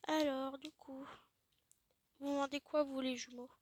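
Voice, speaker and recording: A woman giving casual gaming commentary, chatty and self-mocking, often dropping into quiet muttered asides. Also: sits high, steady tone, unhurried. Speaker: let's play host.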